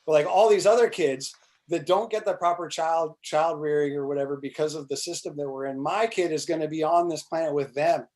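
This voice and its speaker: Speaking briskly with fairly even intonation, this man in his forties, a congressional candidate guest, chats on a video call. His slightly high, slightly mellow voice comes through a webcam in a small plain-walled room as he rambles, restarts, uses fillers and swears casually.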